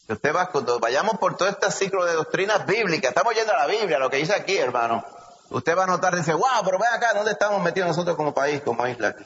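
A man with a Puerto Rican accent preaching a sermon, animated, asking rhetorical questions and calling listeners brother. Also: medium pitch, a little hiss or hum. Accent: Puerto Rican Spanish. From Puerto Rico. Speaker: pastor. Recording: echoey hall, slightly dull sound.

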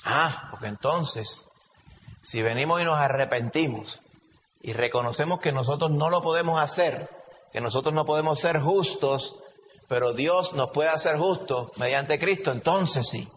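A man preaching a sermon with a Puerto Rican Spanish accent, animated and full of rhetorical questions. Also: a little high, unhurried, slight background noise. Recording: lo-fi recording with long hall reverb.

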